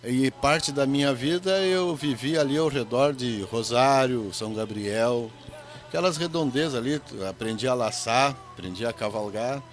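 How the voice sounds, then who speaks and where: A man's voice: mid-range voice, moderate pace, faint music behind. A middle-aged man with a gaúcho Brazilian accent, an evangelist guest telling folksy stories in a radio interview. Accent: Gaúcho Brazilian Portuguese. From Rio Grande do Sul, Brazil. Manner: folksy storytelling with jokes.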